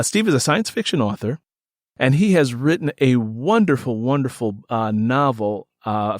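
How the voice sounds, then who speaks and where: A man with a mid-range voice hosts a podcast interview, sounding enthusiastic and conversational. He's emphatic and tends to repeat words for effect. The recording is studio quality with no room sound.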